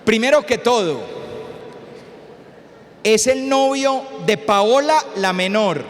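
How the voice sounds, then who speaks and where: High-voiced, slow-talking priest. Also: male voice. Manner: storytelling, acts out scenes, rhetorical questions. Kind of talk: humorous public lecture. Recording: reverberant lecture hall.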